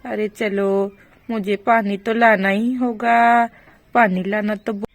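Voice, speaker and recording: A woman's voice: medium pitch, fairly even intonation, takes it slowly, close to an everyday voice. A woman voicing a pregnant young village aunt who talks in an anxious, pleading way, in a doll story role-play. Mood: worried.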